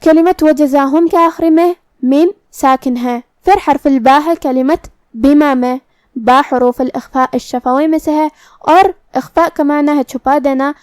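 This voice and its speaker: A woman teaching Quran recitation rules, explaining each pronunciation point slowly and carefully. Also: high voice, a little mellow, no room sound, clean studio sound. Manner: slow, careful explanations with demonstrated words.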